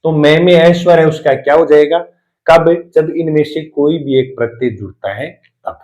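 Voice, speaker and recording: A man's voice: fairly high pitch, moderate pace, a little mellow, highs cut off. A male lecturer explaining spelling rules in a classroom lesson, repeating each rule and asking rhetorical questions.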